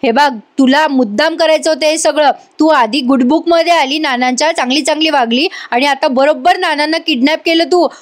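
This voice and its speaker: A woman voicing a scheming, sharp-tongued young woman who taunts and accuses her family in a soap recap. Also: sits high, fairly quick, hardly any pauses, lightly acted. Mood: taunting.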